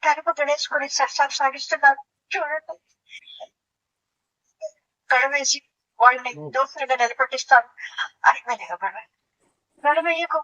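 A hot-tempered young wife, played by a woman, hurls accusations in a high, bright, piercing voice. She is theatrical and quick to outrage, like a comic audio-play character. The recording is dull and lo-fi. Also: distant mic. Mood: furious.

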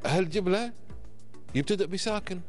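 A man's voice: sits high, brisk, soft background music. A man in his fifties with a Kuwaiti Gulf Arabic accent, explaining emphatically like a teacher in a podcast conversation, checking often that he is followed. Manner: emphatic, didactic, frequent checking tags. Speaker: podcast guest. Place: indoor podcast studio. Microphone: close studio microphone on boom arm.

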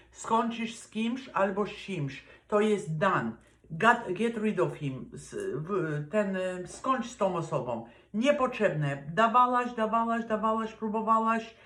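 A man from Poland with a high, fairly bright voice gives a casual weekly tarot reading, speaking slowly in a roomy-sounding space. He's chatty and direct with his advice and mixes English words into his speech.

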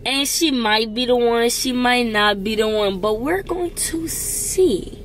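A woman's voice: fairly high pitch, slow, slight background noise. A woman in her twenties hosting a vlog, chatting and teasing playfully inside a car. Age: 20s. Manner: playful, teasing, loud laughter. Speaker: vlog host. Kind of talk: casual chat. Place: inside a parked car at night.

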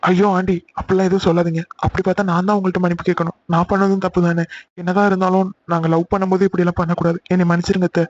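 A man's voice: sits high, little pitch movement, very fast, a little mellow, muffled recording, close to an everyday voice. A voice actor voicing an earnest, polite young man in love in a cartoon. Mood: apologetic.

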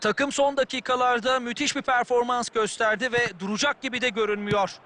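High-voiced football co-commentator man. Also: steady tone, fairly quick, sharp tone, a little hiss or hum. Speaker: co-commentator and match analyst in a football video game. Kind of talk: analytical match commentary.

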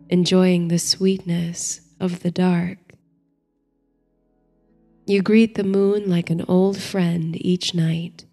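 Faint music plays beneath a female guide whose lowish voice has a soft, mellow tone. Hosting a sleep story series, she narrates bedtime tales and guided meditations very unhurriedly, in a hushed, calming and gentle way.

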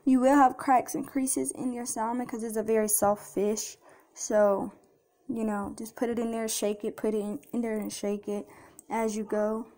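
A woman's voice: fairly high pitch, little pitch movement, moderate pace, darkish tone. A young woman chatting casually through a home cooking tutorial, filming on a handheld phone in her kitchen. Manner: chatty, addresses viewers as y'all and guys. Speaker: cooking vlogger. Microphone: handheld phone camera.

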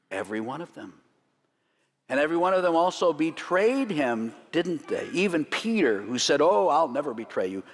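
A rabbi with a medium-pitched male voice leads a Seder demonstration as a sermon in a church sanctuary, teaching with light jokes and chuckles. The recording is bathed in long church-hall reverb.

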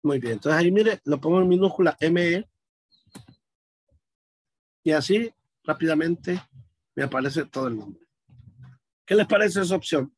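A man from Honduras teaches an online class, explaining step by step and checking in with his students. His voice is fairly high and husky. The sound is dry and close, as if from a video call. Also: lively intonation, normal speed, pauses often, no room sound. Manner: patient, explanatory, addresses students directly.

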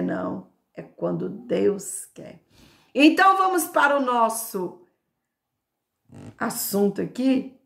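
A woman's voice: medium pitch, vocal fry. An older woman with a Brazilian Portuguese accent, a grandmother giving an informal devotional sermon to her camera, fervent, stretching out repeated words and calling out praise. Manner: fervent, drawn-out emphatic repetitions and cries of praise. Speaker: home preacher and YouTuber.

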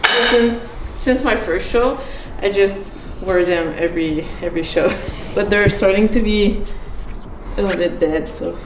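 A young woman with a mid-range voice talks a little slowly as she vlogs casually about training; she's a fitness athlete filming in her garage gym and kitchen at home. Her manner is chatty, full of hesitant fillers and soft laughs, with hip hop music playing in the spacious garage.

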